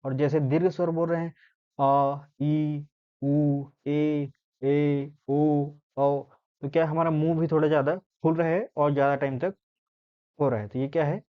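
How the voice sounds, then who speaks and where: A man teaches a grammar lesson in a slightly raised voice, walking through each point step by step. He pauses to sound out letters slowly and keeps asking if his listeners follow. The recording is muffled and lo-fi. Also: on the high side, fairly even intonation. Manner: explains step by step, often asks "है ना?". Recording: dull lo-fi sound.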